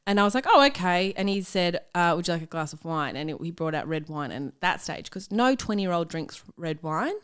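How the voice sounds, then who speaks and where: An Australian woman co-hosting a podcast, telling casual comic anecdotes in an animated, self-mocking way. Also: on the low side, a little fast, few pauses, clear, resonant tone. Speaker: podcast co-host. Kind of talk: casual comedic anecdote chat.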